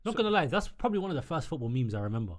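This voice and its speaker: A man's voice: mid-range voice, big pitch swings, rapid-fire. A man in a casual football debate, tossing in wry, jokey remarks. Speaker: podcast co-host.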